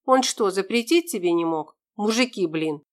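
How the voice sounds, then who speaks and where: A woman's voice: mid-range voice, lively intonation, moderate pace, natural voice. A woman voicing a brash, crude soldier woman. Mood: angry. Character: rowdy blunt woman soldier.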